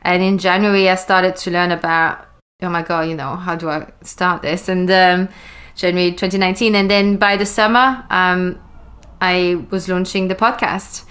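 A woman's voice: lowish voice, steady tone, normal speed, fairly bright tone. A woman in her forties from Belgium, a podcast guest telling her story in a chatty, rambling way with frequent laughs. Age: 40s. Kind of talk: casual interview chat.

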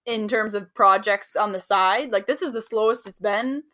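A woman's voice: medium pitch, moderate pace, sharp tone. A woman co-hosting a podcast in upbeat casual chat, laughing often. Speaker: podcast co-host.

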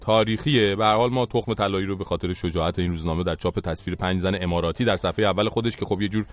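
Male satire host, Iranian Persian accent, colloquial mock-formal press review delivery, light music bed. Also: deep voice.

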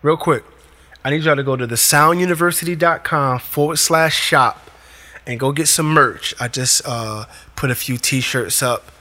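A podcast host with a raspy, sharp-toned, mid-range voice delivers an emphatic motivational monologue on his own show. He talks at normal speed, firing off short, punchy commands.

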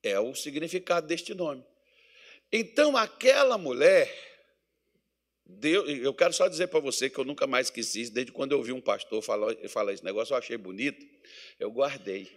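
A man's voice: medium pitch, normal speed. A man with a Brazilian Portuguese accent from Mato Grosso, preaching a sermon in a church meeting hall and asking the congregation questions. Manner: animated preaching with call-and-response questions to the congregation.

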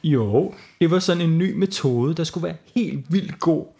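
A man's voice: on the high side, creaky, very noisy. Playful man telling a bedtime story. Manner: playful, lively. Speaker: storyteller host. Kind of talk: improvised children's bedtime story.

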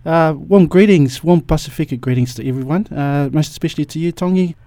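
A man's voice: a little high, fairly quick, dark tone. A man hosting a conversational interview, putting questions to a guest and responding. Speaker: podcast interviewer.

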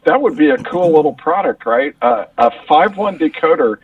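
A man's voice: a little high, expressive, normal speed, distant mic, a little hiss or hum. A man talking in a laid-back, slangy way as a podcast co-host, his voice muffled as if through a tube over a phone line. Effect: muffled, sounds like talking through a tube. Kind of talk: casual podcast chat.

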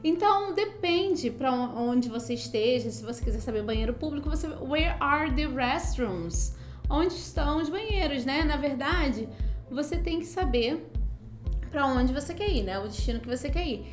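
A woman hosting a podcast lesson, explaining English phrases in Portuguese and repeating each one slowly for learners. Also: sits high, expressive, echoey room, faint music behind. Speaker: podcast host and English teacher.

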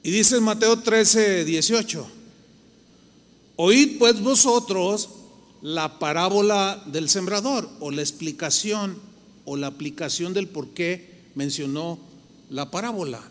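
A man's voice: sits high, measured pace, in a large hall. A man with a Mexican accent, preaching a sermon to a church congregation in a conversational way. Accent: Mexican Spanish. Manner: conversational preaching, acts out listeners' voices. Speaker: pastor. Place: large church hall.

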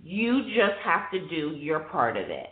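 Female radio host, casual and reassuring, lowish pitch, heard over telephone. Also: sing-song, measured pace. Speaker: radio show host taking callers. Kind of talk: casual call-in chat. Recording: tinny phone-line sound.

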